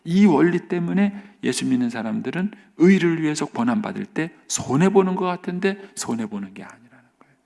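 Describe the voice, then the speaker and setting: A middle-aged man with a gravelly, creaky voice delivers an early-morning sermon from a church sanctuary. He speaks earnestly and keeps dropping into a hushed near-whisper to drive home his points. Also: fairly high pitch, very animated, brisk. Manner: earnest, often drops to a soft near-whisper for emphasis. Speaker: pastor. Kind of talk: dawn service sermon.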